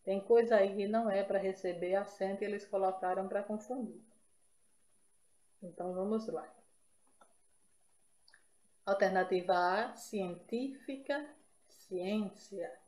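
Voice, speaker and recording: A woman's voice: medium pitch, unhurried, pauses often, darkish tone, roomy sound. A woman from Brazil teaching an exam-prep grammar lesson, explaining step by step and checking in with her listeners.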